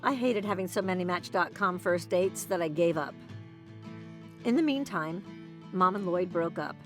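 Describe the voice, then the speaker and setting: A woman's voice: on the low side, expressive, normal speed, fairly bright tone, faint music behind. A woman narrating her own documentary in a wry, dry storytelling manner.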